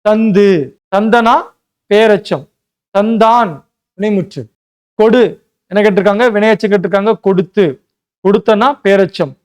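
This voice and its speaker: A man's voice: high voice, steady tone, moderate pace, pauses often, clear, resonant tone. A male teacher giving a Tamil grammar lesson for an exam, explaining step by step, mixing in English words and often checking in with "right?". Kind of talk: classroom lecture.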